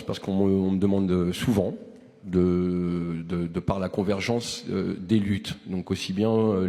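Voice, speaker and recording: A man in his forties gives an impassioned, rousing address to a movement, full of restarts and rhetorical questions. His voice is low and dark, sounding like it fills a large hall.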